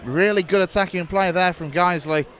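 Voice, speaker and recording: A man calling live football play-by-play for an internet club radio stream, brisk and steady, rising sharply when a chance comes. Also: high voice. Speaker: football commentator.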